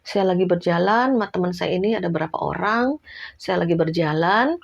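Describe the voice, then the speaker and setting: Husky-voiced woman preaching a testimony. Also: lowish voice, fairly quick, lo-fi sound. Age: middle-aged. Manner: storytelling, addresses listeners as "saudara", acts out dialogue, laughs often. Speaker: evangelist preaching. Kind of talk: sermon testimony.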